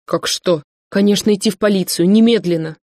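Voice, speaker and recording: A woman voicing an elderly woman who answers bluntly and forcefully, in an audiobook reading. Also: medium pitch, fairly quick, no echo, clean studio sound, close to an everyday voice. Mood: indignant. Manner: forceful, scornful retorts.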